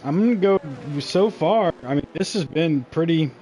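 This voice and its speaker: A man doing live play-by-play commentary on a sim race, joking and switching quickly between calling the action and banter with his co-host. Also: on the high side, animated, mellow, slight background noise.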